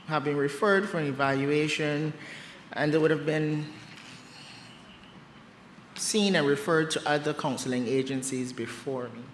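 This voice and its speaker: A man presenting as a psychiatrist at a conference, speaking in a measured way with frequent hesitations. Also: mid-range voice, slight background noise. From Barbados. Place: conference hall. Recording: roomy hall with faint background ambience.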